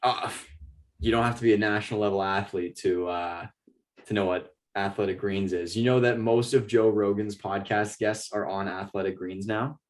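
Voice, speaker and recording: A man's voice: on the low side, normal speed. A young man co-hosting a sports podcast in casual chat, joking and getting worked up. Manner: joking, animated and exasperated. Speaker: podcast co-host. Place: in Ireland.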